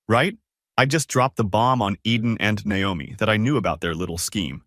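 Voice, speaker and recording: A man's voice: on the low side, moderate pace, a bit bright, dry recording, clean studio sound. A man reading a first-person story aloud in a casual, conversational way. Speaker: narrator.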